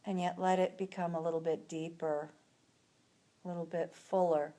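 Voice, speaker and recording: Low-leaning, level, and mellow, this woman's voice leads a relaxation session in a calm, unhurried way. She lets long silences settle between each phrase.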